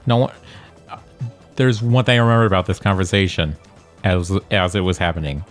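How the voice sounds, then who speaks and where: A man co-hosting a let's play with a very low voice and dry, brief replies. Faint game music plays behind him. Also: fairly quick. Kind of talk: casual chat over gameplay.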